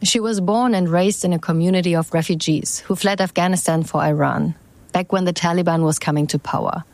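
A woman reporter giving scripted news narration in a measured, even way. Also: lowish voice.

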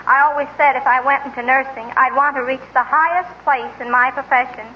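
A woman plays a wistful, dithering nurse in a 1940s radio comedy. Her voice is high and plaintive. The vintage recording is dull with faint noise. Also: fairly even intonation, a little fast, natural voice. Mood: fretful, wistful. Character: fretful, wistful spinster nurse. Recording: muffled, tinny old radio recording.

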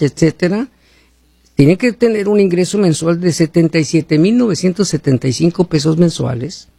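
A man's voice: high voice, a little mellow, dry recording. A man hosting a call-in advice show, lecturing listeners in a folksy way. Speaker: radio show host.

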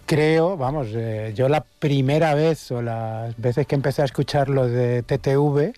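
Middle-aged man, radio co-presenter, mellow low-key tone, rambling casual talk. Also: unhurried, dry recording. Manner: relaxed, rambling with self-corrections. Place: radio studio.

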